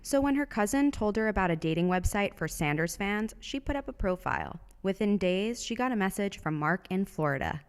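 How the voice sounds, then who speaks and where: A woman radio reporter narrating a news feature in an even, understated way. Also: medium pitch, a little fast, hardly any pauses, smooth.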